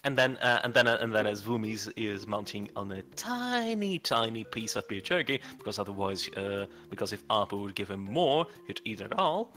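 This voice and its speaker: A man's voice: on the low side, expressive, normal speed, hardly any pauses, a bit bright. A man playing a tabletop game, casually narrating his character's actions and chatting with the group. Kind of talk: casual role-play narration with table talk.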